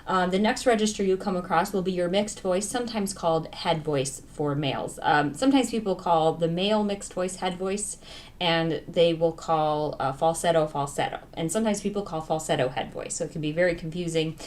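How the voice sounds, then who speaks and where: A woman voice teacher leading a vocal warm-up lesson, explaining registers in a plain, instructive way. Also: fairly low pitch, brisk. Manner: instructive, talks over piano accompaniment. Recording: piano playing behind the voice. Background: piano.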